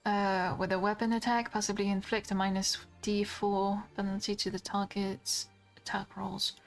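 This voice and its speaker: A woman's voice: medium pitch, flat delivery, moderate pace, soft background music. A woman giving casual commentary as she streams a game, chatty and swearing freely as she explains her character's thoughts.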